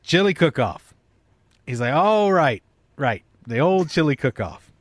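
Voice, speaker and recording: Swearing freely, this man tells a long comic story casually on a comedy podcast, acting out snatches of dialogue. His voice is a little high with big pitch swings, his pace a little slow, and the audio has no echo.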